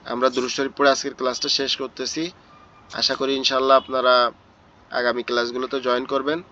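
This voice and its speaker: A hoarse man, teaching an online tajweed class and slowly repeating letter sounds for his students. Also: medium pitch, level tone, sharp tone. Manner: slow, repetitive drilling of letter sounds. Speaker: Quran teacher. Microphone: online class audio. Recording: dull lo-fi online class audio.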